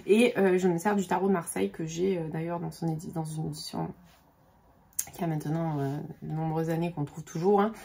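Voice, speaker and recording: A woman's voice: low-pitched, steady tone, brisk, gravelly, warm tone. A woman in her forties chatting casually about books on her vlog, hesitant with many fillers and restarts. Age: 40s. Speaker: book vlogger. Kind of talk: casual book vlog chat.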